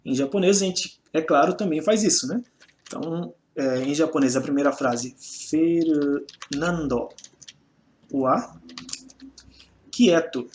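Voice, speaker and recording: A man's voice: a little high, normal speed, a little mellow, slight background noise. A man with a Brazilian Portuguese accent teaching a casual online Japanese lesson, chatty and full of "né?" checks. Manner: chatty, fills with "né?" and restarts while typing examples.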